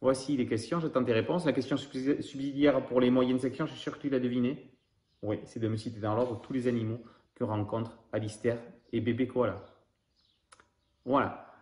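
A man's voice: medium pitch, a little fast. A man reading a picture book aloud to young children, talking to them directly and then quizzing them. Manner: animated, addresses children directly. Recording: roomy echoey room.

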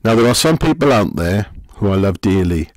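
A middle-aged man, a pastor, giving a gentle, conversational sermon full of questions to the listener. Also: lowish voice, very animated, a little fast, no room sound.

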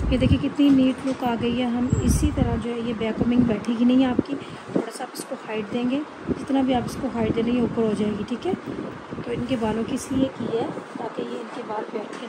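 A salon instructor with a Pakistani accent gives an informal hairstyling tutorial, checking repeatedly with "okay" that listeners are following. Her voice is fairly high, fairly even, and fairly quick, recorded in a very noisy indoor beauty salon with loud background noise.

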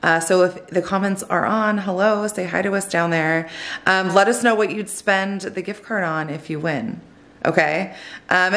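A woman's voice: on the low side, fairly bright tone, dry recording. A middle-aged woman filming a casual family shopping vlog, chatty and rambling with lots of ums, speaking into a handheld camera in a car and then in a store. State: out of breath after running in. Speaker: vlogger mother.

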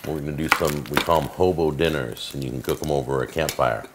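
A man's voice: rumbling low, quick pace, heavy background noise. A middle-aged man hosting a cooking show, chatting casually and enthusiastically as he shows off gadgets in his home kitchen. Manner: chatty, enthusiastic, filler-heavy. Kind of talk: casual product demo.

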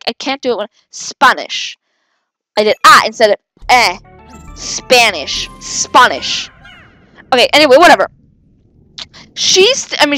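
A woman giving casual, rambling gameplay commentary as a let's player, with sudden excited exclamations. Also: high-pitched, poor audio. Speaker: video game let's player.

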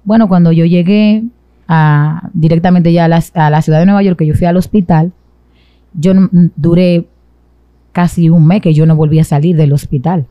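Recorded with no echo and the highs cut off, a young adult woman with a Dominican accent, from the Dominican Republic, recounts her own life as an interview guest. Her warm, fairly low voice moves at normal speed with fairly even intonation. A boom-arm mic sits close to her mouth in a small studio set with a sofa.

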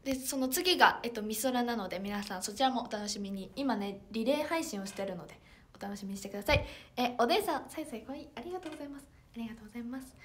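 A sixteen-year-old girl from Toyama, Japan, speaks in Toyama dialect with a slightly high, bright voice at a racing pace. She chats politely on a casual livestream, reading viewer comments aloud with lots of fillers.

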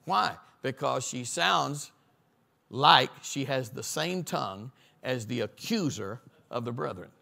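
A man's voice: mid-range voice, expressive, slow pace, vocal fry, pushed and bright. A middle-aged man pastor preaching a sermon at a Bible study on a church stage, building lists to a crescendo and calling for responses from the audience.

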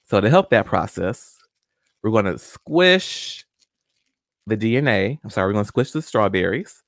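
A friendly guest scientist in his forties, animated and moderately paced, guides viewers step by step through a hands-on experiment at home. His lowish voice is gravelly but a bit bright. Using a studio condenser mic with pop filter and headphones in a small home room, he gets a dry, clean studio sound.

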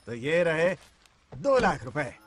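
A man's voice: a little high, sing-song, breathy edge, soft background music, exaggerated voice. A male dub actor playing a bumbling sidekick accountant who reels off figures in a dubbed film. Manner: reciting figures, quick reactive.

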